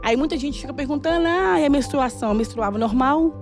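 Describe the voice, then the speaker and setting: A middle-aged woman telling a personal testimony in a casual, animated way and acting out the dialogue. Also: sits high, brisk, soft background music. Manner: animated, laughing often, acts out dialogue. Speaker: church guest sharing a testimony.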